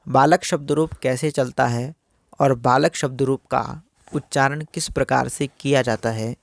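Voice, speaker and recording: A man teaching a Sanskrit grammar lesson, reciting word forms carefully and in a measured way. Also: mid-range voice, no echo. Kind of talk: slow spoken grammar lesson.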